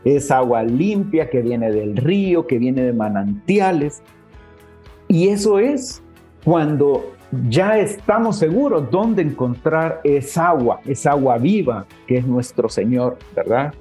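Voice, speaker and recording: A man's voice: mid-range voice, animated, slow pace. Man, church teacher, chatty, faint music underneath. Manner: warm conversational, addresses listeners as brothers. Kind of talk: casual teaching talk. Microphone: webcam.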